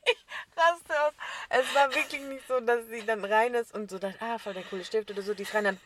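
A young woman in casual podcast chat, telling an embarrassing story. She talks in an animated way, laughs often and acts out the people she quotes. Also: on the high side, fast talker.

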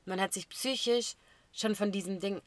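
A young woman co-hosting a podcast, telling stories in a lively way with casual slang. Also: medium pitch, normal speed, no room sound. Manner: animated storytelling with slang. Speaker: podcast co-host.

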